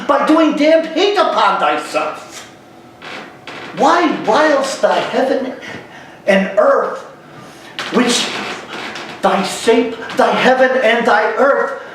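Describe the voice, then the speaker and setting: A man acts out a stern, exasperated friar in a Shakespearean stage play. The voice swoops high and declaims emphatically, in slow, deliberate phrases. It rings around a very echoey hall, picked up from a distance. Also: exaggerated voice. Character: stern exasperated male friar scolding a despairing young man. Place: large hall, live stage. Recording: echoey hall, distant mic, faint noise.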